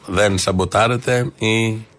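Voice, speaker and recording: A male talk-show host chatting casually with a co-host, ironic and quick to laugh. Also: fairly low pitch, fairly even intonation, fairly bright tone. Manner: bantering, ironic, laughs easily.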